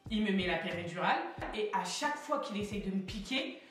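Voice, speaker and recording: A young woman vlogger tells her birth story casually and animatedly, acting out dialogue and using lots of slang. Her medium-pitched, fairly bright voice is expressive and a little fast, but she sounds off-mic and far away in an echoey room, with faint music behind her.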